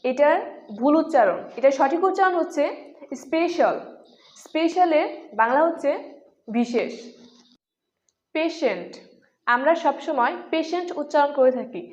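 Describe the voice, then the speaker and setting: Brief: woman teacher, high pitch, muffled lo-fi audio. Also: darkish tone. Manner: slow, deliberate repetition of words. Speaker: English pronunciation teacher. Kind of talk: scripted lesson narration. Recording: dull lo-fi sound.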